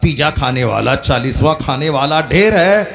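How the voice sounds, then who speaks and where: Gravelly preacher man building to fervor. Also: fairly high pitch, lively intonation, moderate pace, fairly bright tone. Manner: rising to impassioned repeated refrains. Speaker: Islamic preacher. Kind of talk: sermon.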